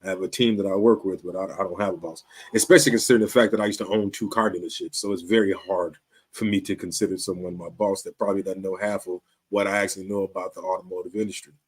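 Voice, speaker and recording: A man's voice: low-pitched, fairly even intonation, fast talker, husky. A man, hosting his show in a casual, streetwise talk straight to the camera, often checking in with "you dig". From Chicago, USA. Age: 50s. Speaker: show host.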